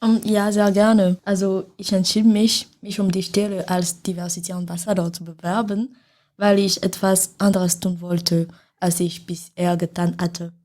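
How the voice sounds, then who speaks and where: A young woman from Gabon speaks carefully on a student podcast. Her voice sits a little low for a woman. She sounds like she is reading from a prepared text. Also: level tone, moderate pace, a little mellow. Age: young adult. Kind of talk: scripted podcast talk.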